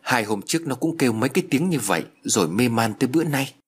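A man voicing a blunt young woman who exclaims in rapid bursts in an audio story. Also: mid-range voice, lively intonation, slightly rough. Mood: agitated.

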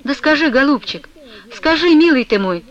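A woman's voice: high-pitched, lively intonation, normal speed, lo-fi sound, voice pushed up. A woman reading an audiobook, voicing a tearful young widow who pleads and sobs with her beloved. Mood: pleading. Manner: pleading, sobbing, endearing.

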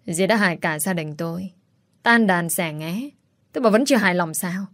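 A cold, determined young man, voiced by a woman reader speaks in a measured, controlled way in a story. The voice is a little low and recorded dry. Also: expressive, no echo.

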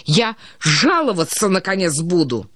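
A woman reads as a timid middle-aged man, startled awake and wailing in fear, his voice pitched up and dragging. He mutters anxiously in a dry, close-miked storybook reading. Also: very animated, measured pace, fairly bright tone, dry recording, full character voice. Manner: panicky, whining, muttering.

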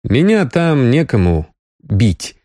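A man reading a wry, calm grown man in love. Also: mid-range voice, slow, no room sound, studio quality, pitched above the performer's own voice. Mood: wry, tender. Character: grown man, dry-humoured, gently teasing lover.

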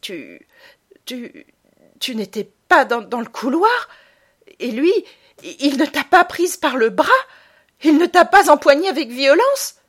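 A woman voicing an agitated young boy in an audiobook, talking in high, loud, indignant outbursts. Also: lively intonation, slow pace, long pauses, heavily acted. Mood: stammering shock. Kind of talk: audiobook character voice.

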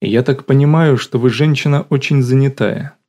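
A man voicing a sly young con man who teases dryly and talks smoothly, in an audiobook. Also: medium pitch, moderate pace, warm tone, pitched above the performer's own voice, lightly acted. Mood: dry teasing. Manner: dry, teasing, smooth-talking.

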